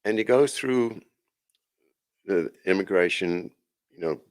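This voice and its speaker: Very deep-voiced man rambling. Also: slow. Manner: rambling, with many restarts and asides. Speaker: podcast host. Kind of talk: casual monologue.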